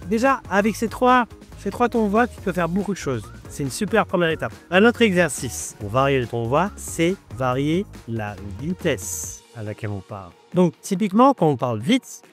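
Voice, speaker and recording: A man teaching a lesson on speaking voice, lively and expressive, who keeps shifting his pitch and pace to show what he means. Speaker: public speaking trainer. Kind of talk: video lesson on voice and tone.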